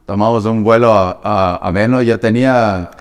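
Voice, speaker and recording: A man's voice: fairly low pitch, normal speed, clear, resonant tone, long reverb tail. A middle-aged man from New York, an evangelical pastor, giving an earnest, emotional personal testimony in conversation and acting out quoted dialogue.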